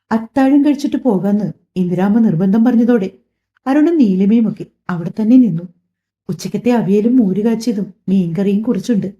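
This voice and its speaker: A woman narrating a family story audiobook in an even storytelling manner, with a dull lo-fi sound. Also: mid-range voice. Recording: dull lo-fi recording.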